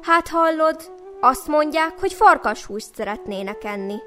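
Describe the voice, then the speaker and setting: A poor old widow from a folk tale speaks emphatically, outsmarting a wolf with bold tricks. A woman storyteller puts her on in a high, raised voice, over faint music. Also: expressive, a bit bright. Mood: cunning. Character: poor, cunning old widow, mother of many.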